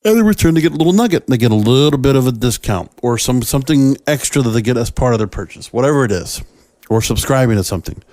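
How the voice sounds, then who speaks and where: Fast and animated, this man's medium-pitched, slightly mellow voice carries his solo podcast. He addresses listeners directly with emphatic, conversational, opinionated commentary, and the recording is studio quality with no echo.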